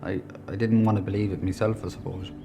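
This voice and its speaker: A man's voice: low voice, level tone, quick pace, music in the background. A man with an Irish accent, reflecting candidly on his life in a documentary interview. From Ireland.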